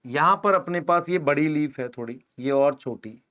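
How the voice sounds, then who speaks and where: Man, biology teacher, high-pitched voice, question-and-answer lecture, explains while drawing. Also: normal speed, a bit bright. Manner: asks the class questions and answers them himself, calls students beta; explains while drawing on a board, points with "idhar dekho". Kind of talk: online exam-prep lecture, Hindi mixed with English terms.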